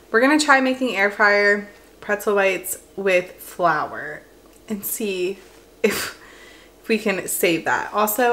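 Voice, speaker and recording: Speaking at a medium pitch with a fairly bright tone, a young adult woman chats casually through a bake-along vlog at home in her kitchen. As a lifestyle vlogger, she thinks aloud and pokes fun at herself, recorded by a camera at close range.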